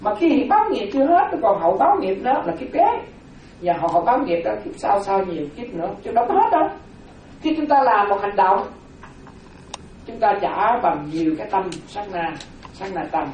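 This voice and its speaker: A woman's voice: mid-range voice, big pitch swings, brisk, darkish tone, dull audio. A woman delivers a Buddhist Dharma talk, circling back over her points and asking rhetorical questions. Her voice comes from well away from the microphone in a strongly echoing room, with a faint hiss underneath. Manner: repetitive, explanatory, rhetorical questions. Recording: very echoey hall from far off.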